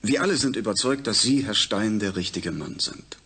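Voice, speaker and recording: In a German radio drama, a male actor plays a suave, self-assured space project leader, speaking formally and measuredly with emphatic pauses in a persuasive mood. His voice sits on the low side, lively in intonation and sharp in tone, with slight background noise.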